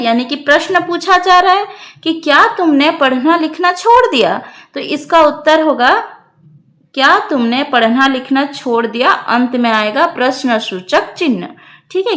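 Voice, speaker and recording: Brief: female teacher, Odia accent, high voice, patient step-by-step grammar explanations. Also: expressive, a bit bright. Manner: patient, checks in often with "ठीक है"; reads example sentences slowly. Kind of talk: explaining grammar homework answers.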